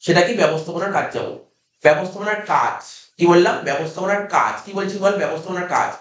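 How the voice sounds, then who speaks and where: High-voiced Bengali teacher in an echoey room. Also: male voice, lively intonation, quick pace, a bit bright. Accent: Kolkata Bengali. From India. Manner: drills students with repeated questions. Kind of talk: classroom lecture.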